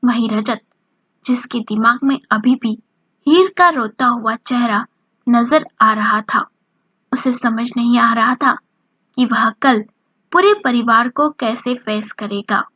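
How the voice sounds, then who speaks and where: A woman narrating a romance story in a slow, even reading voice, lightly voicing the dialogue. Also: fairly high pitch, dry recording. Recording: dull lo-fi dry recording.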